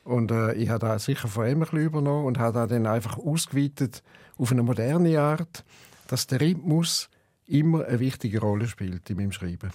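A poet with a St. Gallen Swiss German accent, talking thoughtfully in an interview and hesitating often. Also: male voice, mid-range voice, moderate pace, darkish tone, no echo. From eastern Switzerland. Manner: rhythmic, chanting recitation when reading poems. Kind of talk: interview and poetry reading.

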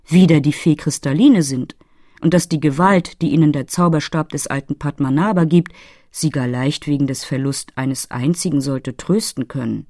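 A woman's voice: deep voice, warm tone, dry recording, studio quality. A woman voicing an impatient, blunt young male prince in an audiobook. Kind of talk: audiobook reading.

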